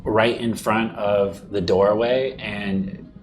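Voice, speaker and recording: A man's voice: on the low side, steady tone, slow pace. A man chatting casually as a player at a tabletop role-playing game.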